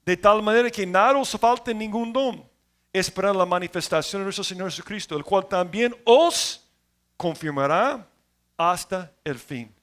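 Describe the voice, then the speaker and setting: A man preaching a sermon as pastor, telling stories and swinging between loud emphasis and quiet asides. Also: high voice, moderate pace.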